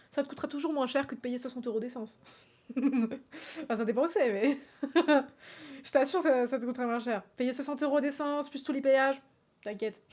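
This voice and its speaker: A young woman streaming live, chatting casually with her viewers, animated and laughing often. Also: sits high. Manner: animated, laughs often, talks straight to chat.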